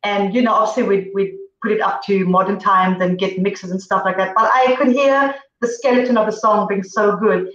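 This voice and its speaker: A woman's voice: medium pitch, steady tone, moderate pace, few pauses, a bit bright. A middle-aged woman from Zambia chats as a guest over a video call, rambling through stories with plenty of fillers. Her voice comes from a distance in a roomy space, and the audio sounds dull. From Zambia, grew up in Zimbabwe. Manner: chatty, storytelling with many fillers. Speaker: guest singer. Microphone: distant laptop mic on video call.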